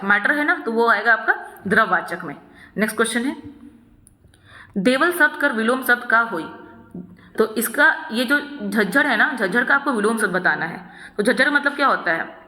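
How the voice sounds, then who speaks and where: Woman teacher going through exam questions, bright higher voice, repeats every answer, roomy echo. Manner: asks a question then answers it, repeats answers, frequent "ठीक है". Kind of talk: solving practice questions. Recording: echoey room with long reverb.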